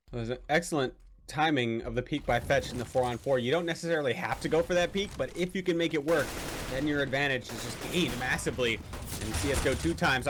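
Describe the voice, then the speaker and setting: A man's voice: mid-range voice, slight background noise. A man giving live play-by-play commentary on an esports match and joking with his co-caster. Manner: quick excitable play-by-play, jokes with co-caster.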